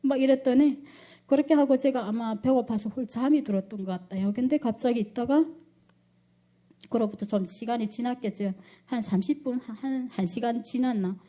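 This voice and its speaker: A middle-aged woman with a North Korean accent telling her personal testimony, acting out quoted speech loudly with rising intensity. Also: a little high, moderate pace. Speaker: church deaconess giving testimony.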